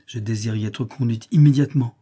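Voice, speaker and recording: A dignified young woman who answers with proud, steady calm, as a man reads her part. The reading keeps a dark, mellow and slightly husky tone, like a storybook narrator lending her his voice. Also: mid-range voice, brisk, lightly acted. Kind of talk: audiobook character reading.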